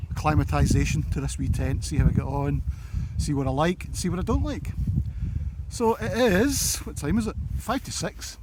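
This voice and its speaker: Scottish man vlogging over loud wind noise. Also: a little high. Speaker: outdoor camping vlogger. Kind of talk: casual chat to camera, gear review. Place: outdoors on a windy hillside campsite, in and by a tent. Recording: windy outdoor recording with loud noise.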